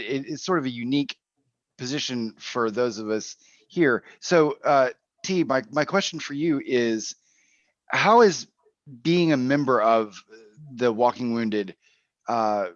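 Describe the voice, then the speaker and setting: A male panel host who talks in a loose, halting way, repeating words as he works toward each question. His audio is muffled and dry, like an online call. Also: mid-range voice, no room sound. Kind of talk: casual livestream panel interview.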